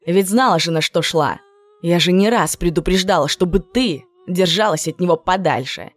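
A woman's voice: lowish voice, no room sound, lightly acted. A woman doing a cool, scheming young ringleader. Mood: scolding. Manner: commanding, measured, sly.

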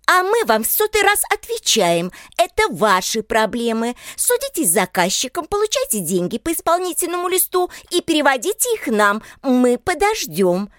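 A woman putting on a high, pushy bank collector girl. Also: big pitch swings, moderate pace, hardly any pauses, no echo, clean studio sound. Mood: scornful. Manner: polite but relentless, sharp. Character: pushy young female bank debt collector. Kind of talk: audiobook reading.

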